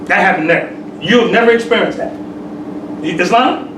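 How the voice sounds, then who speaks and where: A man's voice: high-pitched, moderate pace, recorded from a distance. A man in his forties, a temple sheik, giving a conversational sermon with streetwise talk, peppered with "you know what I'm saying.". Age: 40s. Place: temple hall. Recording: echoey room, mic from afar, hissy.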